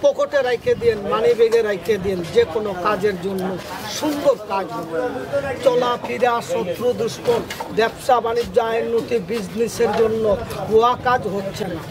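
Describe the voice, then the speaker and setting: A man's voice: very high-pitched, normal speed. A man hawking amulets on the street with an insistent, repetitive sales patter in short phrases. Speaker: street hawker selling amulets and herbal charms. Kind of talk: street sales pitch to a crowd. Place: outdoors at a busy public spot. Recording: busy outdoor street, loud crowd and traffic.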